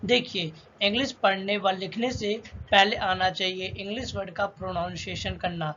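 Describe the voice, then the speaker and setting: Male teacher, higher voice, slow deliberate drilling of letter sounds; dull lo-fi recording. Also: steady tone, sharp tone. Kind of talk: spoken language lesson. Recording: dull lo-fi with faint hiss.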